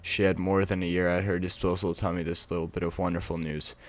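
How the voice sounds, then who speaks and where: A man's voice: low voice, little pitch movement, quick pace. A man reading stories aloud for his vlog in a casual, offhand way, with mumbled asides. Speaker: Reddit reading vlogger.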